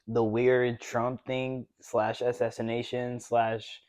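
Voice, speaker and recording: A man from Mexico co-hosts a relaxed talk show, wandering through his thoughts and checking in with "right?" as he goes. His voice sits at an ordinary middle pitch. The sound is close and dry, with no room around it. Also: slow, clean tone, no echo. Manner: rambling, leans on "you know" and tag questions. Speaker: podcast co-host. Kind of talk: casual chat.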